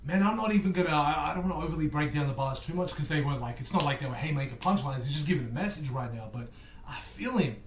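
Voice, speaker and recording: A man from England with an Australian accent reacts to music for his viewers in a chatty video, rambling and joking quickly. His voice is fairly high for a man. His room echoes heavily, with slight background noise.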